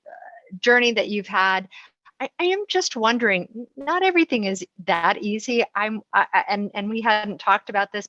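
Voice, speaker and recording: A woman's voice: mid-range voice, fairly bright tone, dry recording. A woman moderating a panel, asking questions with hesitant restarts. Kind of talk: interview questions. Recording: dull dry lo-fi audio.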